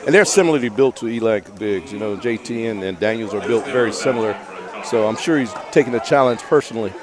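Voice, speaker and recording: A man giving relaxed, conversational color commentary on a college basketball game, with admiring remarks about the plays. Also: on the low side, fast. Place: college gym. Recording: crowd noise in a gym.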